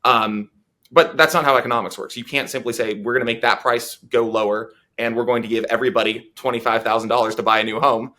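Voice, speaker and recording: A man's voice: mid-range voice, fairly even intonation, quick pace, bright, forceful tone. A man as a policy analyst guest in a political interview, talking earnestly with many fillers and restarts.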